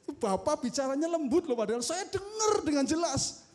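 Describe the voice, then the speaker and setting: A man preaching a sermon as pastor, calling out to the congregation and swinging between loud emphasis and soft asides. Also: extremely high pitch, sing-song, fairly quick, noisy background. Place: church sanctuary.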